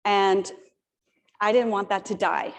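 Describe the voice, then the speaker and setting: A woman's voice: mid-range voice, takes it slowly. A woman in her fifties tells a motivational story from a stage, chatty and personal, with joking asides to the crowd. Her voice rings out with a long reverb tail in a large old theater. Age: 50s. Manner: lively, personal storytelling with humorous asides to the audience. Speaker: keynote speaker.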